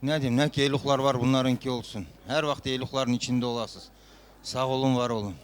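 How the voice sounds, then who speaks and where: A man with a medium-pitched, even voice gives a short congratulatory blessing as a wedding guest. Faint noise sits behind him. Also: fairly quick.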